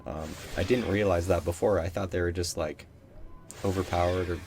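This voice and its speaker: Low flat-voiced young man. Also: normal speed, faint music behind. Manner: rambling, unsure, many ums, self-mocking. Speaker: gameplay commentator. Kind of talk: casual let's play commentary.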